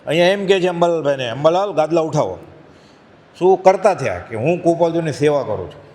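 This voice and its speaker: A man's voice: on the high side, lively intonation, fast talker, warm tone, a little hiss or hum. A man giving a spiritual discourse, telling a parable and acting out its characters' voices. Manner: acts out voices of the lions in the parable. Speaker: spiritual speaker. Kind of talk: devotional discourse with storytelling. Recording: long hall reverb.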